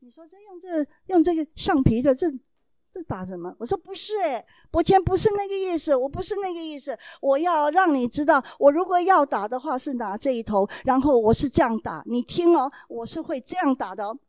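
A woman's voice: high-pitched, animated, fairly quick, darkish tone, dry recording. A mother giving a talk to parents, telling a family story in an earnest, explaining way and acting out the dialogue in changing voices.

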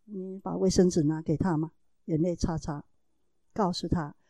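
A woman's voice: lowish voice, fairly even intonation, moderate pace, warm tone, breathy edge, dry recording. A mother giving a talk to parents, telling a family story in an earnest, explaining way and acting out the dialogue in changing voices.

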